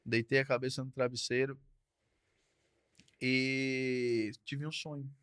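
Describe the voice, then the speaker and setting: A man's voice: medium pitch, flat delivery, slow, a bit bright, clean tone, dry recording. Male trucker guest, mid-range voice, plain conversational storyteller, dry studio sound. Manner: repetitive, conversational, frequent tag questions. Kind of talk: casual storytelling. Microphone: podcast studio mic.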